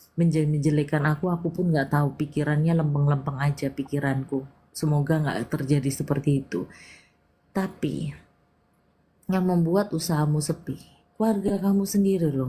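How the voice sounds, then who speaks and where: Low-voiced woman palm reader, emphatic. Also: mellow, a little hiss or hum. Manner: intimate, calls the listener "sayang"; direct, emphatic counseling. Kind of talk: live-stream palm reading session.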